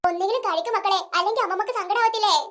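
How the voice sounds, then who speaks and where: Someone playing a doting old grandmother, high and quick. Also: sharp tone. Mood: soothing. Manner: coaxing and doting, with rural Kerala speech. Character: fussing, loving old grandmother. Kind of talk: family skit acting.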